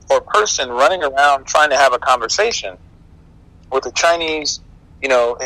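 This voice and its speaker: A man's voice: on the high side, pushed and bright, no echo, rough recording. A man with a standard American accent delivering an opinionated, conversational podcast monologue in an emphatic, informal way. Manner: emphatic, informal, asserting with rhetorical questions. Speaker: podcast host.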